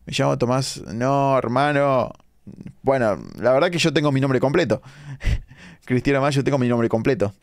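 A young Argentine man with a Rioplatense accent and a medium-pitched voice talks casually through a late-night game stream. He reads viewer comments aloud and keeps up a chatty stream of asides. The sound is dry and close, with no room echo. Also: steady tone, normal speed. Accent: Rioplatense Argentine Spanish. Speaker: live-streaming gamer. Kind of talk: casual live-stream commentary reading chat.

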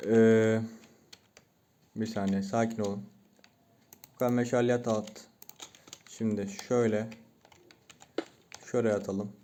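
A young man giving Minecraft let's-play commentary, talking himself through the game, muttering to stay calm and breaking into excited yelps. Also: on the low side, a little slow, pauses often. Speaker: gaming YouTuber. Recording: noisy home recording with keyboard clicks.

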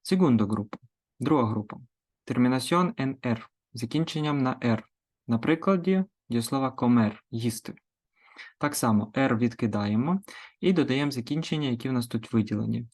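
A male language teacher giving a grammar lesson, slowly and deliberately drilling verb forms word by word. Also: medium pitch, lively intonation, a little mellow.

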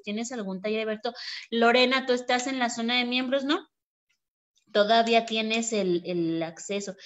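A woman who teaches online marketing in a live screen-share tutorial. She chats casually and thinks aloud as she types. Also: fairly high pitch. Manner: chatty, thinks aloud while typing. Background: keyboard typing and clicks.

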